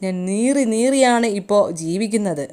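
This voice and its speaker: A woman's voice: a little high, animated, moderate pace, darkish tone, close to an everyday voice. A woman reading as a grieving guilt-ridden mother. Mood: pleading, accusing. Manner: pleading, tearful, raised voice.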